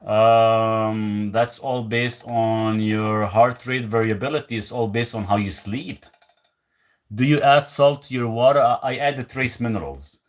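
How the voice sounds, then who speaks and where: Speaking a little slowly in a lowish voice, a Lebanese man streams live from his rural property. In a laid-back, meandering way, he reads out comments from viewers and responds to each one.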